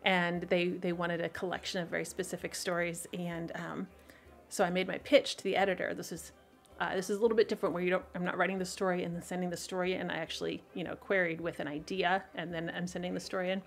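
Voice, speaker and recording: A woman's voice: lowish voice, level tone, quick pace, vocal fry, faint music behind. A woman author hosting her weekly livestream, talking casually and rambling to viewers with many fillers, restarts and frequent laughter. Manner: laughs often between thoughts.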